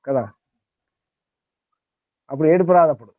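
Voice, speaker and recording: A man delivering a spiritual discourse with a somewhat raised pitch, circling back to the same phrases and pressing his listeners with questions. His voice comes through a thin, phone-like channel with a dry, close sound. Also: fairly even intonation, moderate pace, no echo. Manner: repetitive, rhetorical questioning. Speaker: spiritual teacher. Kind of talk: spiritual discourse to a small group.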